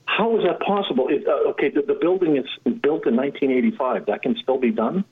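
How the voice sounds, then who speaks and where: A male caller heard on a speakerphone through a tinny phone line, his voice husky and thin. He asks question after question with eager curiosity, at a middling pitch. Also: a little fast. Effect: speakerphone over a phone line. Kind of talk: call-in question.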